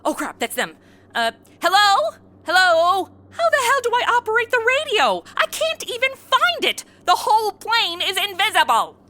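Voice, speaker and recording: A woman's voice: very high voice, huge pitch swings, moderate pace, pushed and bright, a little hiss or hum, full character voice. A woman playing a flippant, sarcastic young superheroine in a comedy audio drama. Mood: exasperated. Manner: sarcastic, breezy, slangy.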